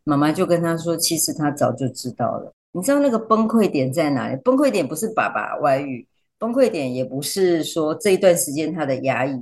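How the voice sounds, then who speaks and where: A woman teacher, a podcast guest, chatting casually and telling animated stories. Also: lowish voice. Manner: animated storyteller, acts out quotes.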